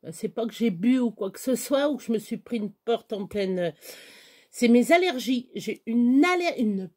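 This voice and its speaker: A middle-aged woman talks to her viewers from home, rambling from one grievance to the next with an exasperated edge. Her voice sits a little high, and she drifts around the room as she chats. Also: animated, moderate pace, a little mellow. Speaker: vlogger. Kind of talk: casual chat to camera.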